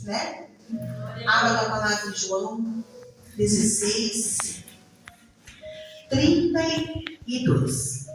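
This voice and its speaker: A woman with a Brazilian Portuguese accent giving an emotional church testimony, often breaking into praise exclamations. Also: mid-range voice. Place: church hall. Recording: very echoey hall, far from mic, faint music.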